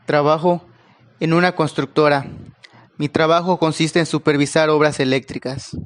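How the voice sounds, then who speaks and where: A man telling a first-person horror story, in a calm, unhurried manner with occasional pauses. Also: on the high side.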